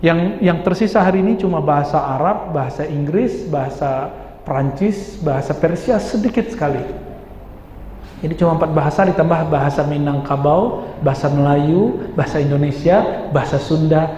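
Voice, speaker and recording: Man giving a sermon in a mosque, slightly high voice, long hall echo, muffled recording. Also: moderate pace, a little hiss or hum. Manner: lively, asks the audience rhetorical questions. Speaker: preacher. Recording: echoey hall, dull sound.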